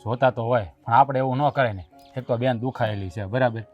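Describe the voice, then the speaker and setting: A man's voice: mid-range voice, a little fast, distant mic, lo-fi sound, soft background music, close to an everyday voice. An actor playing a village husband caught between his wife and his widowed sister, speaking in a placating, pleading way. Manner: placating, pleading, rising to shouting. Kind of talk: village family drama acting.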